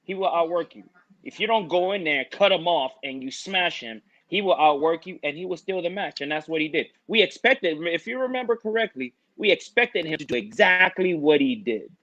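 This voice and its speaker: A man co-hosting a casual podcast chat, measured in tone, explaining and repeating his points. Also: fairly high pitch, lively intonation, a bit bright, highs cut off. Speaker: co-host.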